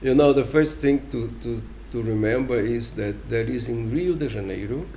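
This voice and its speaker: Man, Brazilian accent, gravelly mid-pitched voice, unhurried, deliberate interview explanations, faint background noise. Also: warm tone. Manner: deliberate, emphatic, with pauses and rhetorical questions. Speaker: ambassador giving an interview.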